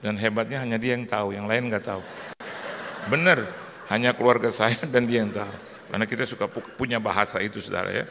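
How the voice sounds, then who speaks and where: A pastor preaches a sermon in a church hall, telling a comic story and giving voices to the other people in it. His voice is lowish, fairly even in intonation, a bit bright and fast. The recording carries the long echo of a large hall and faint noise.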